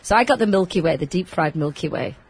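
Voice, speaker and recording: A woman hosting a show, chatting loudly and laughing often. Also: lowish voice, animated, fast talker, breathy edge, dry recording, poor audio. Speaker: host. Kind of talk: casual chat.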